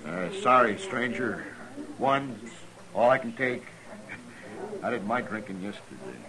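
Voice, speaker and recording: An actor playing a frightened, desperate gunfighter in a 1950s radio drama, pleading and stammering, heard as an old radio show broadcast with a faint hiss. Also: male voice, on the low side, animated, a little slow, a crowd in the background, poor audio. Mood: weary.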